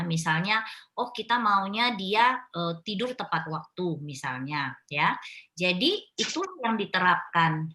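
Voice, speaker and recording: A middle-aged woman speaking at a parenting class, explaining patiently and gently with a steady stream of "ya" in a live question-and-answer session. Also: fairly low pitch. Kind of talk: live online Q&A advice.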